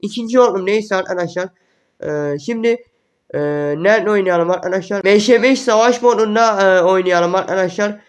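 A young man giving excited gameplay commentary, repeating words in quick bursts as the match unfolds. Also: high-pitched, clear, resonant tone. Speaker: gaming YouTuber.

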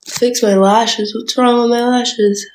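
Holding her phone at arm's length in a small room indoors, a young woman from Canada has a casual, playful live chat with viewers, full of "like" fillers. She speaks slowly in a steady voice on the high side, and the sound is reverberant.

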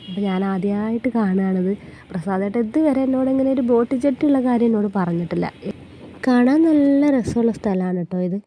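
Very dark-voiced woman with a stuffy cold. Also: medium pitch, brisk, slight background noise. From north Kerala. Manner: chatty and homely, tags sentences with friendly asides. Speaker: travel vlogger. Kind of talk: casual travel vlog narration. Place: riding on a bus.

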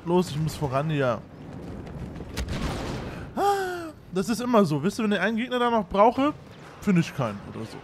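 A man giving casual gameplay commentary, excitable and self-mocking, shouting at his own fails. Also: sits high, moderate pace, long pauses, noisy background. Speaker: gaming YouTuber. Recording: game sounds behind.

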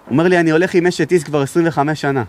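A man's voice: a little high, steady tone. A man, a rabbi from Israel, giving a sermon and telling stories, sometimes raising his voice for emphasis. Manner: raises his voice to be heard, emphatic. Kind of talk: sermon with storytelling.

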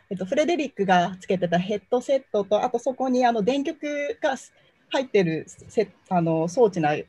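A woman's voice: medium pitch, warm tone, slightly rough, dry recording. A woman summarizing a presentation for the audience, hesitant and apologetic, searching for words. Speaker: interpreter summarizing.

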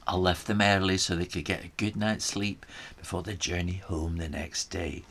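A man's voice: deep voice, steady tone, normal speed, a bit bright, slightly rough, pitched below the performer's own voice, exaggerated voice. A man voicing a crafty Scottish island man, telling the story in the first person with a put-on Scottish accent. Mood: sly. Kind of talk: storytime reading in character.

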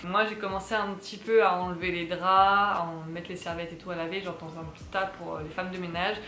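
A woman's voice: on the low side, little pitch movement, brisk, pushed and bright, roomy sound. Chatty young French woman vlogging. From France. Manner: chatty, rambling with many fillers. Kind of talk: casual vlog chat. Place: apartment, indoors.

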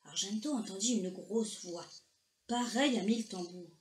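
A woman reading a children's story aloud, slow, gentle and expressive. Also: mid-range voice. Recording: echoey room, faint noise.

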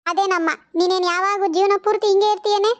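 A woman's voice: very high-pitched, flat delivery, fast talker. A woman voicing a caring, anxious mother-in-law who coaxes and questions. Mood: coaxing. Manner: coaxing, worried questioning. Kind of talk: cartoon voice acting. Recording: dull lo-fi recording.

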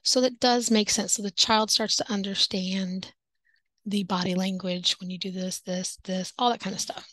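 A woman's voice: mid-range voice, level tone, moderate pace, fairly bright tone, dry recording, poor audio. Woman, online English teacher, casual tips to camera, acts out classroom talk, whispered asides, mid-range voice, dry close sound. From native English speaker.

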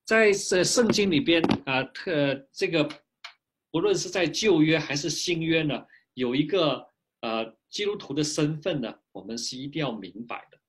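A male pastor preaching a sermon in a lively, animated way, pausing often for an interpreter, speaking from a small home office into a webcam. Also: fairly high pitch, slight background noise. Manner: lively preaching with frequent filler particles.

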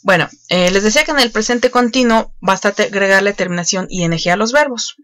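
A woman walks learners patiently through an online English lesson. She pauses with frequent fillers as she explains each step. The recording is dry and close, with no room sound. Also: medium pitch, a bit bright, dry recording.

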